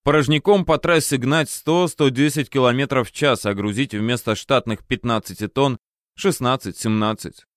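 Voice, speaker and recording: A man narrating a first-person story in a measured, wry storytelling manner. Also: mid-range voice, no room sound, clean studio sound.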